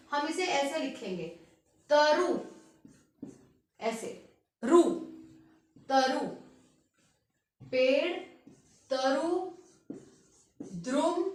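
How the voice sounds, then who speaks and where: A woman school Hindi teacher giving a lesson, reading out word lists slowly and stressing each word and its spelling. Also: high-pitched, fairly bright tone, reverberant. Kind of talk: online class lesson.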